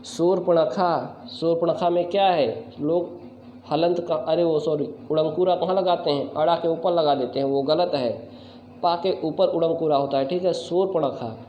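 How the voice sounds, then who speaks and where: Talking to the camera, a man with a slightly high, warm voice at normal speed teaches correct Hindi spelling word by word, fixing common mistakes and often calling viewers friend. The recording is muffled, in an echoey room with faint background noise.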